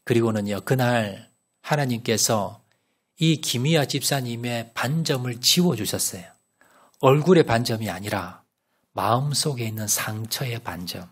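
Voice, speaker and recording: A man preaching a sermon as pastor, telling a story with rhetorical questions and sudden loud rises and soft drops. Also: mid-range voice, a little slow, slightly rough. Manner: asks the congregation rhetorical questions.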